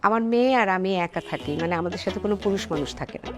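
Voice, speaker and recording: A woman's voice: medium pitch, expressive, rapid-fire, soft background music, natural voice. An actress playing a strict, fussy middle-aged landlady who bosses people around. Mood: bossy. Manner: bossy, fussy.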